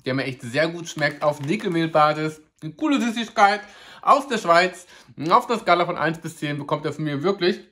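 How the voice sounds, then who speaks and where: A food vlogger reviews a snack for the camera in a medium-pitched, animated voice at normal speed, slightly bright in tone. She keeps it casual, chatty and upbeat, playfully joking about her own pronunciation and calling her viewers "ihr Lieben".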